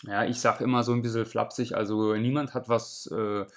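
A man in his thirties at home indoors, giving a measured, explanatory reaction commentary on a video. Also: on the low side, flat delivery.

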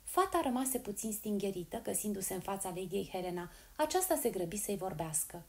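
A woman reading a classic adventure novel aloud in a clear, steady storytelling narration. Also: medium pitch. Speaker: audiobook reader.

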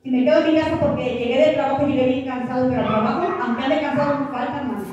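High-voiced woman preaching in an echoey hall. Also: steady tone, rapid-fire, darkish tone, highs cut off. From Mexico. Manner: fervent, keeps calling listeners "hermano". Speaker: pastor. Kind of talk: sermon. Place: church hall. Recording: echoey church hall, far from mic.

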